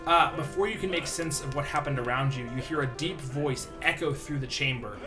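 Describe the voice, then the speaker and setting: A man's voice: a little high, brisk. A man acting as game master, narrating a tabletop roleplaying game and giving rulings to players. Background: music.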